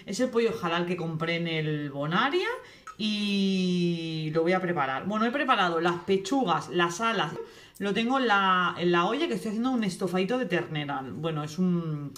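Chatty fast-talking woman in her kitchen. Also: fairly low pitch, animated, fairly bright tone, slight background noise. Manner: fast, chatty, self-interrupting. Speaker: vlogger. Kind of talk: casual kitchen vlog chat. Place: home kitchen. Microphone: camera on tripod.

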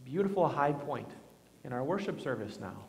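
A man leading worship as pastor, praying and speaking in a measured, solemn way, his voice ringing with a cathedral echo. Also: a little high, animated. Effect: cathedral echo, long church reverb. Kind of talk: liturgical prayer and communion address. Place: large church sanctuary. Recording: long reverb of a large church hall.

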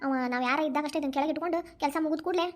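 A woman voicing a strict young mother and daughter-in-law in a cartoon, with a North Karnataka Kannada accent, brisk and scolding. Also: sits high, fairly even intonation, close to an everyday voice. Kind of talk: cartoon voice acting.

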